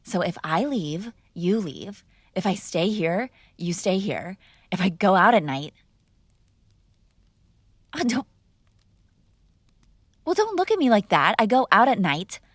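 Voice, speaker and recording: A woman plays a mob boss's spoiled, defiant daughter in an intimate, one-sided ASMR girlfriend roleplay, teasing and sarcastic in a conversational way, close to the mic. Her mid-range voice swings widely in pitch, moving slowly with long pauses, in a recording without room sound. She sounds indignant and challenging.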